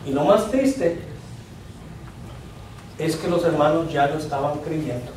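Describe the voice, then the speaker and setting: A man preaches a sermon in a high voice, pausing often and letting his voice sink at the close of each line. He sits well back from the mic in a church hall with heavy echo. A faint hum of room noise runs underneath. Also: animated, darkish tone. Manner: preaching with pauses, dropping his voice at line ends. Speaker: pastor. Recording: very echoey church hall from far off.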